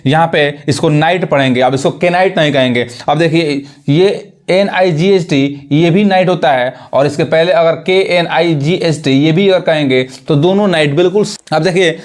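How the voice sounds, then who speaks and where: A man teaching English pronunciation, explaining each point with repetition and rhetorical questions. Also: on the high side. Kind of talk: Hindi-language lesson explaining English pronunciation.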